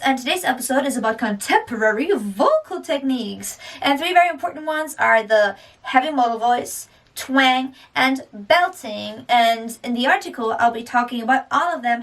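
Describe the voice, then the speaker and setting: High-voiced woman teaching singing. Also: a bit bright, far from the mic. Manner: upbeat, explains then demonstrates sounds. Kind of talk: vocal lesson with demonstrations.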